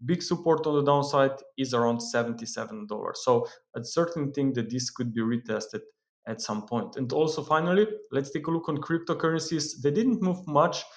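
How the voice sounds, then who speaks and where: A man giving a market analysis commentary in a steady, explanatory way, often pausing with "uh" and "um". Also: medium pitch. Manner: steady explanatory delivery with frequent "uh" and "um" fillers. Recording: roomy echo.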